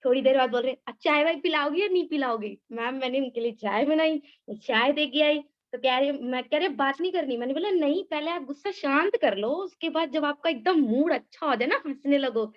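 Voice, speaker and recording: A woman's voice: high voice, fairly quick, hardly any pauses, muffled recording. A woman eagerly sharing a personal story on a video call, talking nonstop and calling the host ma'am. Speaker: participant sharing her experience.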